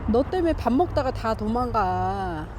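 A middle-aged woman outdoors, talking to stray cats in a coaxing, teasing baby-talk way with soft laughs. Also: on the high side, expressive, measured pace, slight background noise. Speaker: cat feeder vlogger. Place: outdoors among grass.

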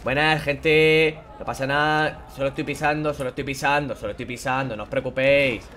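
A man commentating a horror game playthrough, taunting and swearing at the characters in a playful, animated way. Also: medium pitch, a little fast, a little hiss or hum. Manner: animated, playful sound effects and singing. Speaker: gameplay commentator. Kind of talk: casual let's-play commentary.

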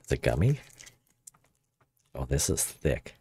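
A man's voice: very animated, slow pace, mellow, slight background noise. A man streaming with a voice changer on, chatting casually in a rambling, joking way with frequent self-interruptions. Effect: voice changer pitching the voice very deep. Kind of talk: casual livestream chat.

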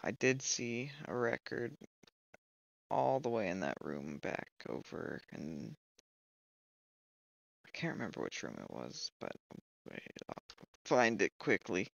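A man with a low, gravelly voice talks his way through a horror game, slow but swinging widely in pitch as he reacts. He mutters to himself and reads found notes aloud. The close mic sounds dry and a little dull. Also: big pitch swings, no room sound. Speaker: gamer playing a horror game. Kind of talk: let's play commentary. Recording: dry, slightly muffled lo-fi mic.

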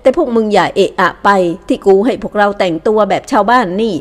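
A woman voices a bold young nobleman giving orders to his men. He speaks bluntly and loudly, and he is used to being obeyed. It is an audiobook reading. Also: medium pitch, fairly quick, close to an everyday voice. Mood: commanding. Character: bold young Thai nobleman leading his gang, commanding.

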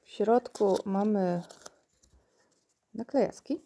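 A woman's voice: medium pitch, slow pace, dark tone, slight background noise. A woman unboxing toys at home in casual chat, recorded on a tablet, often laughing and talking to her puppy. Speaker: unboxing vlogger.

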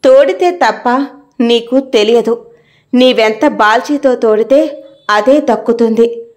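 A woman voicing an older man's letter to his wife, measured and reflective, in a storybook reading. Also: a little high, darkish tone. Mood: calm, reflective. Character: late husband, older man, calm and wise.

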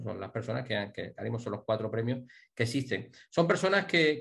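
A middle-aged man from Spain, a hotel director telling jokey anecdotes in a relaxed interview, with many restarts. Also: mid-range voice, creaky. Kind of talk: casual interview, storytelling.

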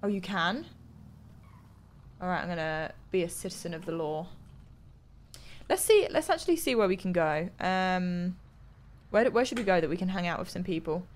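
Streaming a video game from a small room at home, a young English-accented woman chats and thinks aloud into a close desk microphone, giving casual live commentary. Her voice is on the low side and expressive, at a moderate pace with long pauses, and there's a little hiss or hum.

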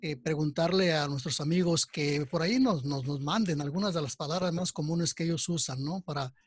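A male host puts polite, formal questions to his guest, often restarting his phrases. His voice sits a bit high and sounds dry and close. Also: brisk, breathy edge, no echo. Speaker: interview host. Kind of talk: interview talk.

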